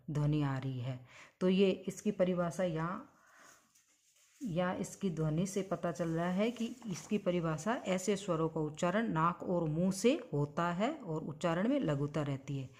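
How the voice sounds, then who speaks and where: A woman teaching Hindi grammar, spelling out sounds one at a time and stretching each example word. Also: lowish voice. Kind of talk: slow explanatory grammar lesson.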